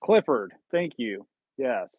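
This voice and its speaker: A man in his thirties hosts a relaxed livestream, joking and teasing himself as he chats with his viewers. The sound is thin and phone-like. There is hardly any room echo, so his voice comes across close and dry. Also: mid-range voice, slow, breathy edge. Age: 30s. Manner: jokey, rambling, self-teasing. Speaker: livestream host. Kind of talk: casual livestream chat with viewers.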